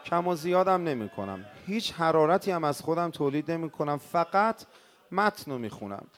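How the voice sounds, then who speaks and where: A male cleric telling a mournful story in a sermon, swinging from hushed words to crying out. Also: a little high, big pitch swings. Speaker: cleric preacher.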